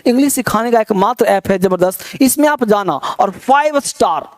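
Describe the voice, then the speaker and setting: A man from India giving an English pronunciation lesson. He drills word lists slowly and deliberately, explaining each rule in plain teacher's talk. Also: high voice, expressive. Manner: slow, drawn-out word-by-word drilling.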